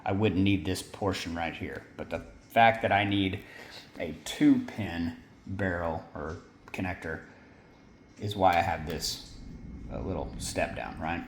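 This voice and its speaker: A man's voice: low-pitched, measured pace, slight background noise. A man casually walking through his homemade gear setup, rambling and often correcting himself. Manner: rambling, self-correcting, informal. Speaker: hobbyist maker explaining his gear. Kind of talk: casual how-to walkthrough. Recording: roomy sound with faint ambience.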